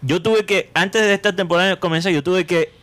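Animated man talking football. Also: sits high, brisk. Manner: animated, opinionated, asks rhetorical questions. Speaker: podcast co-host. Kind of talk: casual football chat.

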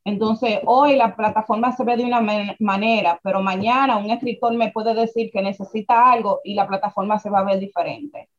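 A young woman from the Dominican Republic, speaking with a Dominican Spanish accent, is a guest in a casual interview as the founder of a writers' platform. Her mid-range voice moves at normal speed with few pauses, lively and full of restarts and rhetorical questions. The recording has a dull lo-fi sound.

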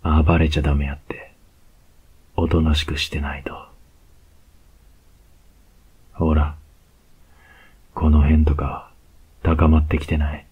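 A cocky young male student with a Kansai lilt, voiced by a man in a whispered role-play. His voice sits extremely low and husky, drawn out slowly and evenly with little rise and fall. He teases in a close, unhurried murmur with soft laughs. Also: monotone, full character voice. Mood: teasing.

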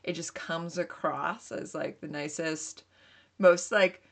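A woman co-hosts a casual book podcast, speaking enthusiastically and packing her sentences with "like." Her voice sits low and sounds creaky, with a steady tone and a slow pace.

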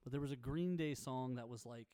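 A man in his thirties co-hosting a radio show, casually telling rambling, animated anecdotes and acting out bits. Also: medium pitch, brisk, clean tone, no echo, studio quality. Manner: animated storyteller, acts out sounds and quotes. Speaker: radio co-host.

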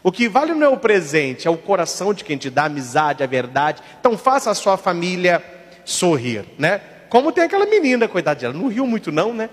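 A Brazilian-accented priest tells humorous stories during a sermon. His voice sits very high and swoops animatedly. A long hall reverb hangs behind him. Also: quick pace. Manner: animated, playful joke-telling.

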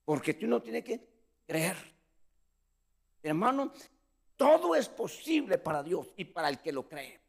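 A man's voice: a little slow, gravelly, long pauses, husky. A man preaching a sermon as pastor, calling listeners brother and acting out the scripture scene. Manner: preaching with lively pitch swings, addressing listeners as brother.

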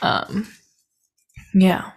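A young woman hosting her own podcast, chatting in a scattered, self-deprecating, giggly way into a microphone. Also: extremely slow. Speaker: podcast host. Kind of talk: rambling solo podcast chat.

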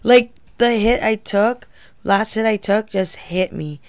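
A young woman co-hosting a podcast in casual chat, laid-back and giggly, swearing often and audibly high. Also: a little slow, no room sound. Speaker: podcast co-host.

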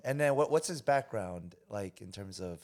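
A man's voice: fairly low pitch, animated, moderate pace, a little mellow. A man co-hosting a casual podcast chat, joking around and asking questions. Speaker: podcast co-host.

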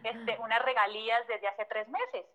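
A woman's voice: a little high, fairly even intonation, unhurried, a bit bright, low-quality recording. A woman with a Mexican accent, a former model, telling a personal story in an emotional, vivid way and acting out old conversations. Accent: Mexican Spanish. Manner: emotional, vivid retelling that acts out past conversations, frequent "o sea" fillers.

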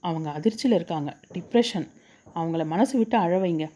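A woman voicing a calm doctor who speaks briskly and matter-of-factly in a spoken story. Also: lowish voice, close to an everyday voice. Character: calm doctor giving a brief diagnosis.

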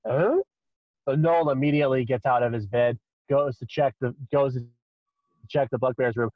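A man improvising narration as a tabletop game master, haltingly, often repeating phrases. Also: medium pitch, fairly even intonation, no room sound, narrow, tinny audio.

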